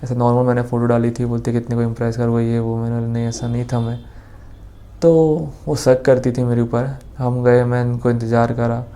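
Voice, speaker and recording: A man's voice: medium pitch, level tone, fairly quick, mellow. A young man casually telling a personal story, rambling with restarts and quoting dialogue. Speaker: vlogger.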